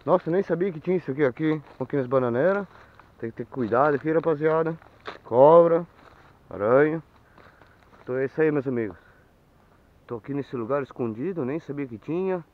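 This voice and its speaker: A man's voice: fairly high pitch, a little fast, long pauses. A middle-aged Brazilian man talking casually to viewers as he explores outdoors, making informal remarks while looking around. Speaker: vlogger. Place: outdoors in overgrown woodland. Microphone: handheld camera at arm's length. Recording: dull lo-fi outdoor camera sound.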